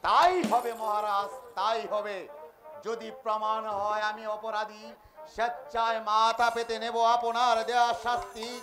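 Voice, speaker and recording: A man's voice: high-pitched, little pitch movement, unhurried, sharp tone, soft background music. A man playing an earnest, defiant young patriot in Bengali folk theatre, declaiming formally and passionately with a Bengali accent. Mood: solemn, resolute. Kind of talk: historical Bengali jatra folk theatre acting.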